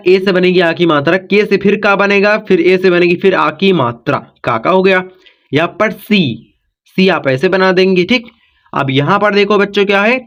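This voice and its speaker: A man's voice: sits high, fairly bright tone, dull audio. A man teaching a step-by-step spelling lesson, patient and repetitive, checking in often with his students.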